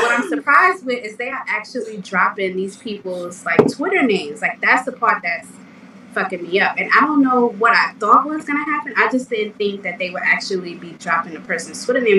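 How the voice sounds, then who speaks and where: A woman's voice: mid-range voice, animated, a little fast. A woman co-hosting a podcast, chatting in a laid-back, matter-of-fact way. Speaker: podcast co-host. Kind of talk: casual chat. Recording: echoey distant mic with background noise.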